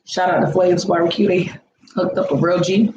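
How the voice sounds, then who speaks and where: A woman chats casually through a mukbang livestream, humming and savoring between bites. Her voice comes through a phone into an echoey room with a dull, muffled tone. A clear background hiss sits under everything. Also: on the low side, normal speed. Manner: relaxed, savoring food with frequent hums. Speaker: livestream host.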